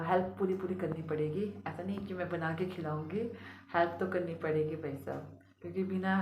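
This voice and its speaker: Woman from India, family vlog chat, homely, slight cold, rough throat, lowish voice. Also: echoey room, a little hiss or hum. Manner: chatty, homely, laughs easily. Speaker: family vlogger. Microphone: phone camera.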